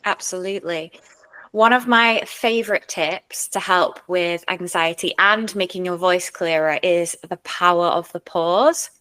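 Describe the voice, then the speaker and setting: A woman speaking coach and speech therapist answering interview questions, explaining clearly in numbered points. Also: fairly low pitch, measured pace, fairly bright tone. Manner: sometimes demonstrates techniques in her own voice.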